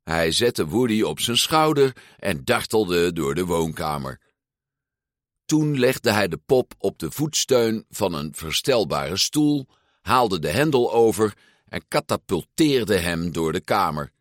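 Lively low-voiced man reading a storybook. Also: slow, no room sound, clean studio sound. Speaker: audiobook reader. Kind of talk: storybook narration for children.

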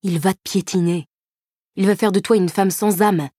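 A woman's voice: medium pitch, fairly even intonation, normal speed, dark tone, no room sound, studio quality, pitched above the performer's own voice, close to an everyday voice. Female reader doing a jealous boyfriend, cutting and cold, storybook voice. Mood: resentful. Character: jealous, bitter young boyfriend, male.

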